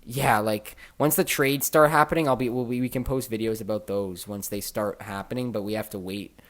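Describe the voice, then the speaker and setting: A man hosting a casual podcast, telling stories in an animated way and swearing often. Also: on the low side, a little fast. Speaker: podcast host.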